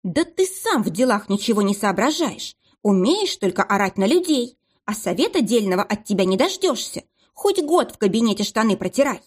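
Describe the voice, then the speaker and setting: A woman reading aloud and voicing a sharp-tongued, defiant young female office worker with a scornful, cutting manner. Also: medium pitch, big pitch swings, moderate pace, few pauses. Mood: scornful tirade.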